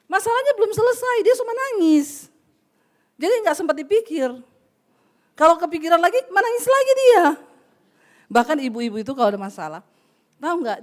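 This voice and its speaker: A woman pastor giving a lively, joking sermon to a congregation, speaking to them directly and acting out little dialogues. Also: very high voice. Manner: jokey, addresses the congregation directly, acts out chat dialogue. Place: church hall with a live congregation.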